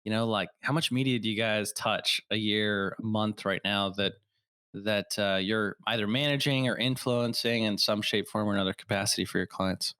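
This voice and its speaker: Male podcast host, bright upbeat tone, dry close mic, jokey and eager. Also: fairly low pitch, clear, resonant tone, no echo. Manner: excitable, quick, joking. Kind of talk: casual podcast chat.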